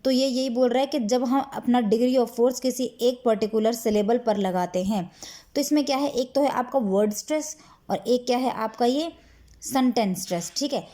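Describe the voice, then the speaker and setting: A woman teacher, slowly reading lines from a textbook and then explaining them in fast, chatty Hindi. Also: fairly high pitch, dark tone.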